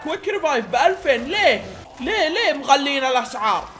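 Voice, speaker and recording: A young man with a Hijazi Saudi accent, giving excitable play-by-play commentary to his viewers and breaking into shouts. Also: very high-pitched, fast talker, slight background noise. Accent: Saudi Hijazi Arabic. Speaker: gaming YouTuber. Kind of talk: live gameplay commentary.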